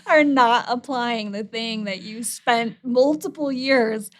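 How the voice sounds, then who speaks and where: A woman's voice: a little high, slow. Woman podcast co-host, thoughtful and explanatory, with easy light laughs. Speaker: podcast co-host, literacy educator. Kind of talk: casual podcast chat.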